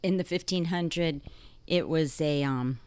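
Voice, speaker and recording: A woman in her sixties with a Southern US accent, a guest in a studio podcast interview, answering hesitantly with many pauses and fillers. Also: sits low, a little mellow, clear, resonant tone, dry recording. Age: 60s. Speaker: guest, masters runner.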